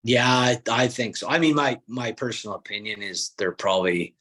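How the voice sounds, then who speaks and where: Low-voiced man telling stories. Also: normal speed. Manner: relaxed storytelling with frequent restarts. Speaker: guest, former hockey player and coach. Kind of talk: casual podcast chat.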